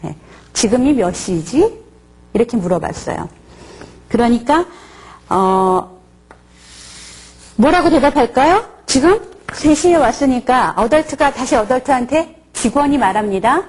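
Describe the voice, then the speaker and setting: A woman's voice: sits high, animated, a little slow, long pauses, slightly rough. A woman professor giving a counseling course lecture, asking her audience questions and acting out short dialogues. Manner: asks the audience rhetorical questions; acts out short workplace dialogues.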